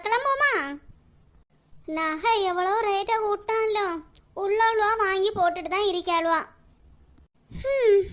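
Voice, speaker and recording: A woman's voice: very high voice, a bit bright. A woman voicing a gossipy, boastful village auntie in a cartoon. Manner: chatty, gossipy.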